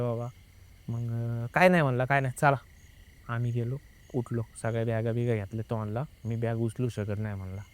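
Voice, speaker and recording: A young male guest tells of a ghost encounter he had, speaking in a smooth voice at a normal pitch for a man. His loose, lively storytelling is full of acted-out dialogue, nearly every line tagged with "I said."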